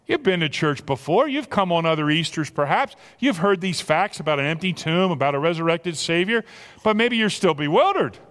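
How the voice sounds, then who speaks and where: A man preaching an Easter sermon as pastor, impassioned, swinging from loud emphasis to hushed near-whispers. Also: a little high, lively intonation, fairly quick. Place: church sanctuary. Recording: long reverb of a church hall.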